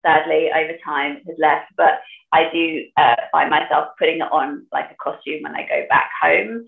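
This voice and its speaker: A guest author and poet from Sunderland in northeast England talks about her work in conversation, then reads a poem, putting on a Geordie accent she has lost for the reading while otherwise sounding English. Her low voice is steady, moderately paced and has vocal fry. The sound is thin and phone-like with a roomy echo.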